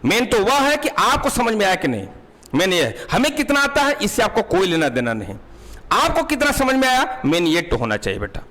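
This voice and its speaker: Young male grammar teacher with a Hindi accent, high voice, quizzing students as he explains. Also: huge pitch swings, brisk, sharp tone. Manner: calls students "beta", quizzes them with questions. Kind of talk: exam-prep grammar lesson.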